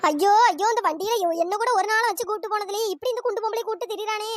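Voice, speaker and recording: A performer voicing a furious jealous wife in a cartoon, scolding and name-calling, with a pitch-shifted voice. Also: quick pace, a bit bright, no room sound, studio quality. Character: furious jealous wife chasing her cheating husband. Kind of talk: cartoon comedy voice acting.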